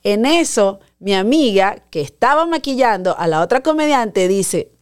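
A woman hosting a podcast, telling a personal story in a casual, animated way and acting out the quoted voices. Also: normal speed, smooth. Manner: animated, acts out quoted voices, dramatic pitch jumps. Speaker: podcast host.

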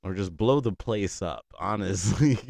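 Casual young man, deep and smooth, rambling, swears freely and laughs often. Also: moderate pace, no echo, studio quality. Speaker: friend catching up. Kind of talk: casual chat.

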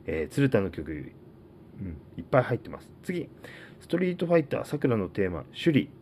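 A man hosting a casual solo talk, reading out items one by one and musing about each with many fillers and pauses. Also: on the low side, very animated, a little mellow, slight background noise. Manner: rambling, filler-heavy, reads out list items. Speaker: podcast host.

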